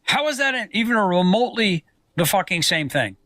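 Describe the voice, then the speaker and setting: A man's voice: sits high, sing-song, a little fast, bright, forceful tone, dry recording. A man in a heated online argument, angry, profane and hurling insults. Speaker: online commentator in a debate.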